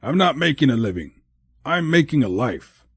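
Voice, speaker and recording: A man voicing a small, brisk, cheerful male elf in an audiobook, with a chirpy, bossy manner. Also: medium pitch, very animated, husky, no echo, pitched above the performer's own voice. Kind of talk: audiobook character voice.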